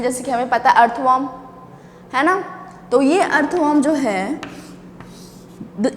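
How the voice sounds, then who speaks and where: A woman's voice: high-pitched, long reverb tail, slight background noise. A woman teaching a biology lecture in a classroom, explaining step by step, asking the class questions and stretching out key terms. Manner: drawn-out emphasis on technical words, then bursts of quick speech. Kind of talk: classroom lecture mixing Hindi and English.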